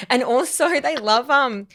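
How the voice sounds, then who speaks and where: A woman's voice: high-pitched, a bit bright. A woman in her thirties with an Australian accent, co-hosting a casual chat podcast and telling self-mocking stories. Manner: chatty, storytelling, self-mocking. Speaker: podcast co-host.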